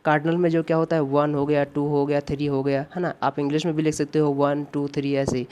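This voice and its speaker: A man's voice: on the high side, little pitch movement, darkish tone, smooth. Man teaching grammar in a drilling lecture. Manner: asks rhetorical questions and answers them, repeating key points; reads example sentences very slowly and deliberately. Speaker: English teacher for exam prep. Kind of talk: classroom lecture explaining grammar questions.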